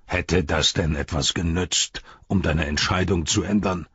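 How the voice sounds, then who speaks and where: A man reading an audiobook and voicing a bitter, scornful aging ruler who lashes out at his son, with a husky tone that drops into whispers. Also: sits low, measured pace, fairly bright tone, dry recording, muffled recording, heavily acted.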